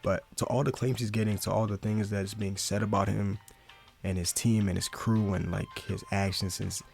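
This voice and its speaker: A man's voice: fairly low pitch, flat delivery, normal speed, creaky, a little mellow, soft background music. A young man giving casual, rambling commentary full of slang, calling everyone "bro". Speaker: commentary YouTuber.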